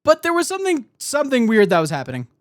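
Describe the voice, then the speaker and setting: A man's voice: very high-pitched, huge pitch swings, fast, no room sound. A man telling lore as a streamer, with casual asides and a hesitant, self-correcting delivery. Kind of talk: live storytelling with casual asides.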